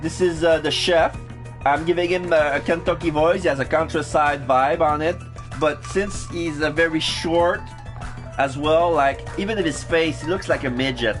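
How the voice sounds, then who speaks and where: A man's voice: fairly high pitch, normal speed, soft background music. A man giving casual, hesitant video game commentary, often groping for words as he explains characters. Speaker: game streamer.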